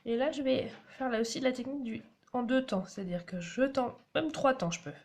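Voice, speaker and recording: A woman's voice: fairly high pitch, expressive, a little fast, darkish tone. Chatty woman demonstrating crafts. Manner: chatty, explains each step as she works. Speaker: card-making demonstrator. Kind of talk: casual crafting tutorial. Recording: audible background noise.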